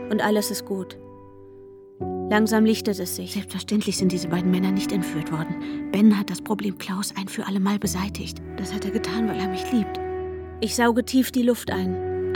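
A woman's voice: mid-range voice, lightly acted. A woman voicing a haunted, anxious young narrator. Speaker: first-person narrator. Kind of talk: audio drama narration. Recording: music playing underneath.

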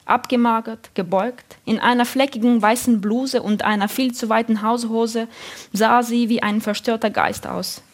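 A woman narrating a literary story in a calm, measured reading. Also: a little high. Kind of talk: audiobook reading.

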